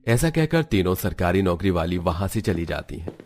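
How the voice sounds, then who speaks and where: A man narrates a family cartoon in a steady storytelling style. His voice is very low and deep, and he reads the script evenly from scene to scene. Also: moderate pace, slight background noise.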